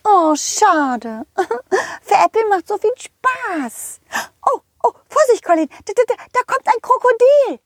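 A woman's voice: slow, no echo, clean studio sound, heavily acted. A woman voicing a playful, teasing female pink horse in a children's audio story. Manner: teasing, giggly, high and excited.

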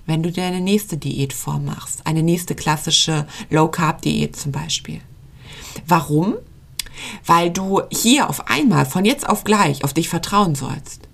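Earnest German woman with a gravelly voice. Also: fairly low pitch. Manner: earnest, pleading, speaks straight to the listener. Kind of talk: podcast monologue to the listener.

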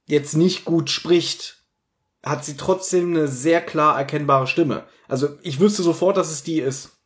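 A man's voice: on the high side, a little slow, a bit bright. A man co-hosting a podcast, chatting casually and jokingly with strong opinions about a radio play. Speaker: podcast co-host.

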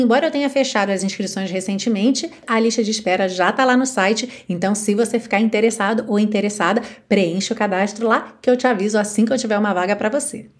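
A woman with a Brazilian Portuguese accent, an English teacher giving an upbeat online pronunciation lesson through songs. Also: mid-range voice. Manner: enthusiastic, demonstrates by singing lyric lines.

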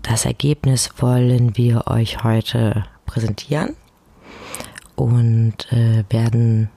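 This solo podcast host is a woman with a bass voice and a warm tone, taking her time with fairly even intonation. She talks informally and chattily from home, close to her mic, poking fun at herself.

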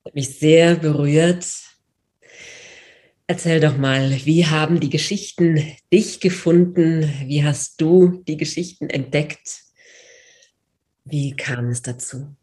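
A woman hosting a podcast interview, speaking in a measured, welcoming way. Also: sits low, dark tone. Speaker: podcast host.

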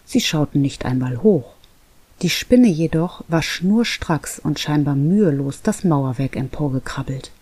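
Calm warm storybook narrator. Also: mid-range voice, a little slow, husky, no echo. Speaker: audiobook narrator. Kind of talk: scripted narration.

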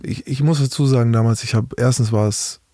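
A man's voice: mid-range voice, fairly even intonation, brisk, warm tone, dry recording, studio quality. A middle-aged man speaking as an interview guest, talking frankly and matter-of-factly in a casual interview.

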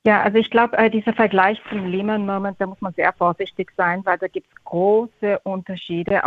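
A middle-aged woman with an English-tinged accent, a fund manager answering interview questions haltingly, repeating words and slipping into English terms. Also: on the low side, no echo. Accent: English-tinged German. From half Austrian, half Japanese. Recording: tinny phone-like line.

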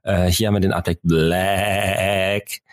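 Friendly, open man with a lowish voice. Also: flat delivery, takes it slowly, dry recording, clean studio sound. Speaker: podcast host. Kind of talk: casual whisky podcast chat.

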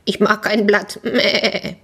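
A woman's voice: mid-range voice, little pitch movement, takes it slowly, vocal fry, a bit bright, husky, voice pushed up, exaggerated voice. A woman voicing a sly, lying goat that bleats its rhymes in a sing-song. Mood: bleating.

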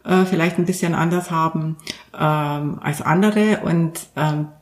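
A podcast guest who works as a coach, recorded in an echoey room. the voice is neither high nor low. the coach talks earnestly, explaining ideas step by step with examples and plenty of hesitations. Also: unhurried. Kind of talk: explanatory interview talk.

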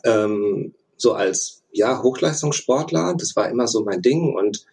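A man's voice: lowish voice, animated, a little slow, darkish tone, slightly rough, poor audio. A man in his thirties, a podcast guest, telling his story in a hesitant, thoughtful way with many fillers. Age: 30s. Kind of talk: casual interview chat.

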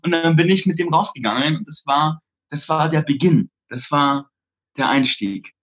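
A man, a flirt coach, telling a lively personal story in an interview, laughing often and acting out what people said. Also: a little high, normal speed, dull audio. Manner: animated, laughs often, acts out quotes.

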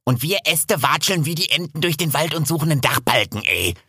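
A man's voice: a little high, animated, brisk, pushed and bright, husky, no echo, studio quality, pitched above the performer's own voice, heavily acted. A man voicing a cheeky, joking little male forest animal in a storybook. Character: cheeky small male forest animal who climbs trees.

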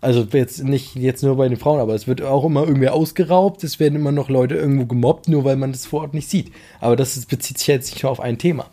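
A man's voice: medium pitch, fairly even intonation, fast talker, hardly any pauses, warm tone. A man from Germany co-hosting a podcast, talking casually and hesitantly with many restarts and fillers. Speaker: podcast co-host. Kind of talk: casual debate chat.

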